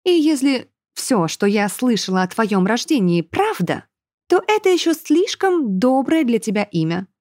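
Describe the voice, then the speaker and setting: A woman's voice: on the high side, sing-song, measured pace, a little mellow, dry recording, studio quality, pitched above the performer's own voice. A woman voicing a pompous, affected noblewoman who talks in a mincing, mocking way in an audiobook.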